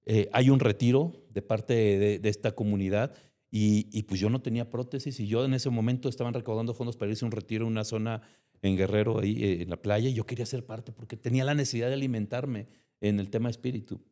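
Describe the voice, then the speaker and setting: A man's voice: on the low side, steady tone, fast, dark tone. A man with a Mexican accent, a guest giving an emotional personal testimony and acting out remembered conversations. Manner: emotional storytelling, acts out remembered dialogue.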